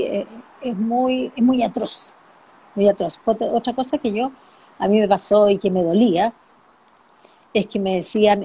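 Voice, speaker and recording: A middle-aged woman in an interview, speaking softly and reflectively about grief, often repeating phrases for emphasis. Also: mid-range voice, breathy edge. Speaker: interviewee, bereaved mother and author. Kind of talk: emotional personal interview.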